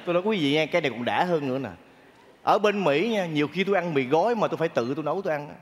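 A man performing a stage comedy sketch, talking straight to the audience in an animated way. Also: a little high, racing, long reverb tail. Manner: animated, addresses the audience directly.

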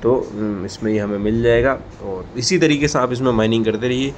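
A man's voice: mid-range voice, steady tone, a little fast. A man casually walking viewers step by step through a mobile app, leaning on repeated fillers like "okay" and "here". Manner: repetitive fillers, frequent "ठीक है". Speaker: tech tutorial host. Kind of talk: casual screen-recorded app walkthrough. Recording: slightly dull lo-fi audio with faint noise.

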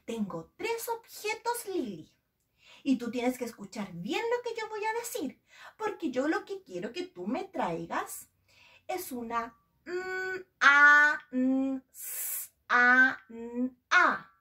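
A woman teacher giving a children's phonics lesson, sounding out letters slowly in a sing-song way. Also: high-pitched, sing-song, recorded from a distance.

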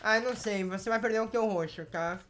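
A woman's voice: mid-range voice, brisk, fairly bright tone, a little hiss or hum. Bossy Brazilian woman scolding players. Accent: Brazilian Portuguese. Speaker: Roblox streamer running a rank training. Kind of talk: live gameplay commentary.

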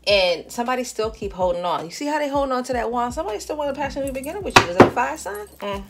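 A woman doing a casual tarot reading who talks straight to the viewer in a chatty, animated way and laughs often. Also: high-pitched, racing. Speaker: tarot reader.

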